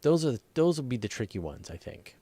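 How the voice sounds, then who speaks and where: A man's mid-range voice, sing-song, brisk, and mellow, hosts a live space and astronomy Q&A with no echo. He answers conversationally, working through his thoughts aloud.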